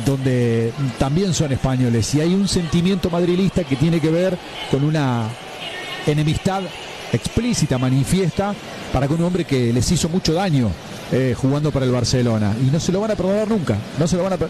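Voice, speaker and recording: A man giving measured, emphatic opinions on a sports radio show. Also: on the high side, expressive, background noise.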